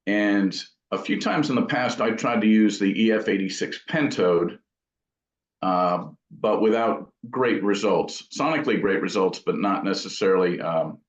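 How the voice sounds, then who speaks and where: Answering interview questions as an amp builder, this man uses a lowish voice and a measured pace, rambling thoughtfully in a casual manner. Dull, echoey room sound surrounds him.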